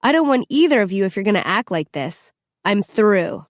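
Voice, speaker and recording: A woman's voice: mid-range voice, moderate pace, dry recording, studio quality, lightly acted. A woman voicing a fiery, fed-up teenage girl who snaps sharply, in an audiobook. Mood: furious. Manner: sharp, exasperated yelling.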